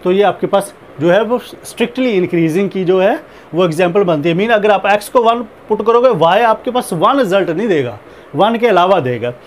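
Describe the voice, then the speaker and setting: A man with a high-pitched voice gives a recorded math lecture, working through each step slowly and deliberately. He slips English math terms into his explanation and keeps coming back to the same filler phrases. A faint hiss sits under the recording. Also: expressive. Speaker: math teacher.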